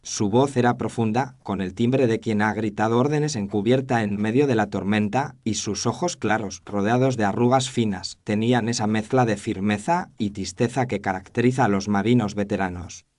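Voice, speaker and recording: A man's voice: on the low side, normal speed, few pauses, a little mellow, natural voice. A man narrating a scripted mystery story as an observant Victorian doctor, formal and descriptive. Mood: reflective.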